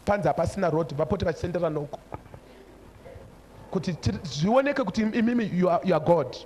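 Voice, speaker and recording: This forties-aged preacher and church overseer speaks quickly and expressively in a high, darkish voice, with a Zimbabwean accent. Holding a handheld mic before a congregation in a big church hall, he moves between English and another language, hammering home short repeated phrases. Slight background noise is audible.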